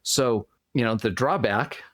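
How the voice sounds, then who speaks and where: A man's voice: mid-range voice, a little slow, a bit bright, no room sound, studio quality. A man with a Boston accent explaining his views as an interview guest, often posing questions and answering them himself. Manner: poses and answers own questions. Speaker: podcast guest.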